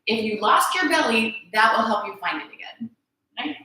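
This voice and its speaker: A woman teaching a yoga flow in a bright, clear voice. She calls out poses calmly and encouragingly, often checking in with the class. The sound rings through a very echoey room. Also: on the high side, normal speed. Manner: calm, encouraging cues with frequent "right?" check-ins. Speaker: yoga instructor. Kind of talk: guided yoga class instruction.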